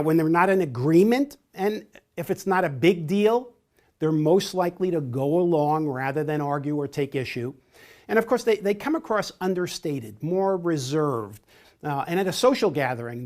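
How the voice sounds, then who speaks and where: A man's voice: a little high, darkish tone. A man teaching a course lesson, explaining behavior types step by step and acting out short example phrases. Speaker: trainer. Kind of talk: instructional lecture.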